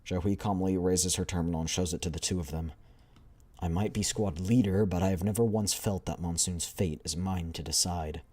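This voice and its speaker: A deep-voiced man reads the lines of a calm, composed female squad leader, measured and formal.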